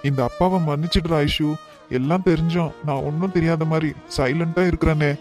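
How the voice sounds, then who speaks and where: A man voicing a worried, affectionate father in a cartoon, talking to his daughter in a soft, pleading way. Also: on the high side, fairly even intonation, fairly quick, faint music behind, lightly acted. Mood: tender.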